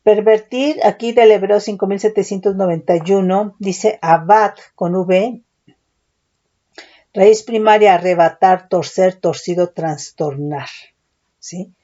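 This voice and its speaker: Slow, mellow-voiced woman teaching scripture. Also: mid-range voice. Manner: slow, deliberate, checks in with "¿sí?"; reads scripture and word lists aloud. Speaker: preacher. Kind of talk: Bible teaching. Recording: dull lo-fi recording.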